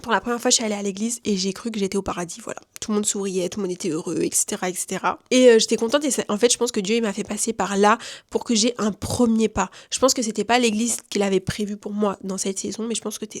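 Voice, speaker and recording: A young woman from France telling a personal story in casual slang, acting out what people said. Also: mid-range voice. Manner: chatty, lively slang, acts out quotes. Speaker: vlogger giving testimony.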